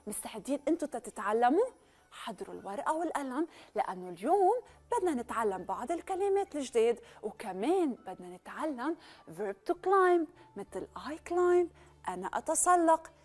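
A young woman with a Levantine Arabic accent teaching children English, slowly drawing out letters and words. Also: sits high. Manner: lively, drawn-out teacherly pronunciation. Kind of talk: children's language lesson.

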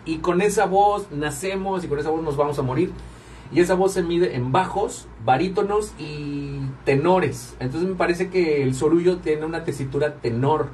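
A man's voice: a little high, moderate pace, a little mellow, distant mic, slight background noise. A man hosting a live stream, chatting casually with viewers while he runs the music. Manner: chatty, talks to viewers while working the controls. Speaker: radio and livestream host.

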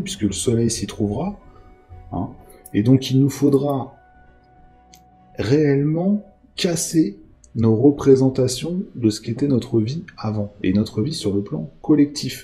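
A man's voice: on the low side, dark tone. A man giving a spoken astrology lesson, explaining at length with frequent fillers and tags like "hein".

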